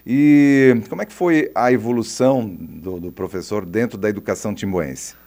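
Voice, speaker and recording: A male interviewer. He asks his questions haltingly, restarting his sentences as he goes. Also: on the low side, darkish tone.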